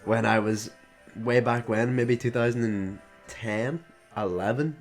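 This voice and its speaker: A man's voice: mid-range voice, a little slow, faint music behind. A young man, co-hosting a casual podcast chat and acting out people in his stories. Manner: animated storytelling, acting out voices, laughing often. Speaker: podcast co-host.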